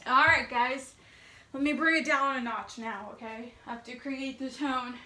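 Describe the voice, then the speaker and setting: A woman's voice: sits high, fairly even intonation, normal speed, sharp tone, reverberant. A woman chatting casually to camera at home, bubbly and a bit out of breath, with lots of fillers. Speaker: YouTube vlogger. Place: home, indoors.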